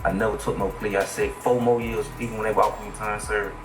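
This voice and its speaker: A man's voice: fairly low pitch, flat delivery, fast, recorded from a distance. A man testifying as a witness under cross-examination, repeating himself insistently and growing heated when pressed. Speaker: trial witness. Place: large courtroom. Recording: echoey courtroom audio with music over it.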